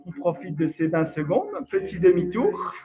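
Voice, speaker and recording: A man's voice: high-pitched, sing-song, normal speed. A man leading a live online workout class as fitness coach, counting down reps and coaxing people on in an upbeat way over a video call. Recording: dull lo-fi video call audio. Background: faint workout music.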